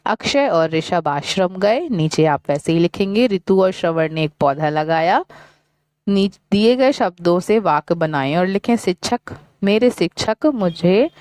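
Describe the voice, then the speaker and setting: A woman's voice: lowish voice, expressive, a little mellow, no room sound. Woman teacher reading a children's workbook. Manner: slow, clear syllable-by-syllable reading for children. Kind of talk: reading a workbook lesson aloud.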